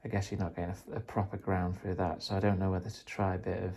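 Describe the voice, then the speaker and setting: A hobbyist trying out radio gear explains things in an unscripted vlog, casual, tentative, rambling, and self-deprecating. His voice sits low and dark, delivered flatly at a quick pace.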